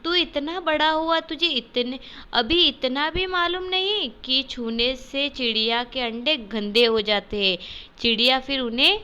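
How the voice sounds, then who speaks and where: A stern but fond mother scolds her son with pointed questions, as a woman reads her lines. Her voice is high and bright. It is a storybook telling. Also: animated, moderate pace, few pauses, dull audio. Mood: scolding.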